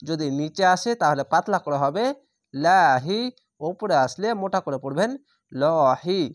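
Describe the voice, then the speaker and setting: A man's voice: a little high, fairly quick, dry recording, clean studio sound. A man teaching Quran reading, spelling out each letter and vowel, then chanting the word drawn out. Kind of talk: slow spelled-out tajweed lesson.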